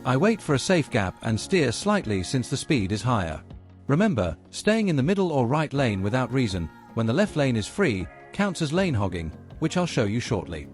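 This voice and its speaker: A man narrates a driving lesson from a script, explaining each point in a measured, instructional way and speaking directly to learners. His voice sits at medium pitch with a sing-song lilt, and soft music plays in the background.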